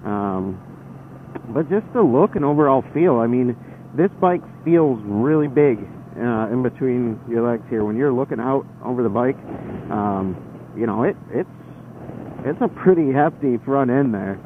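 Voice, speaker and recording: A man's voice: mid-range voice, animated, unhurried, narrow, tinny audio. A man chatting casually and hesitantly from inside a motorcycle helmet, rambling like a motovlogger as he rides. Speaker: motorcycle vlogger. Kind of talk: casual motovlog chat while riding. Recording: band-limited helmet mic, engine and road noise. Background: vehicle noise.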